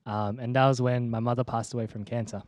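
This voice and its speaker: A young man, a church leader being interviewed, shares his personal faith testimony in a fast, flat, medium-pitched voice with a darkish tone. He's laid-back and slangy, with many ums and restarts, and there's no room sound.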